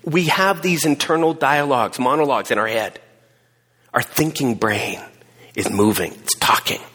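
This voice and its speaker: Man preaching, animated, acts out inner voices, husky tone, big reverberant hall. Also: a little high. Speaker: pastor. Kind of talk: sermon.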